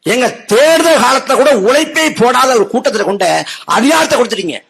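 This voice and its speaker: A man with a strikingly high, husky voice delivers a political speech. He mocks his rivals with heavy sarcasm and rhetorical questions, and his voice climbs to shouts. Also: animated, fairly quick, low-quality recording. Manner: sarcastic, mocking, rising to shouts. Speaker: political speaker.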